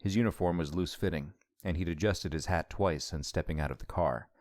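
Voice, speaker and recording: A man narrating an audiobook in a steady, measured reading. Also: low-pitched, no room sound.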